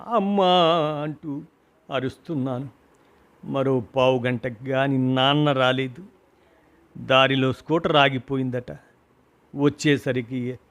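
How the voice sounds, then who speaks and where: A man's voice: mid-range voice, natural voice. A man reading a grieving husband's story of loss, emotional and rising to cries at the peaks, in a storybook reading. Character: grieving husband recalling his mother's death.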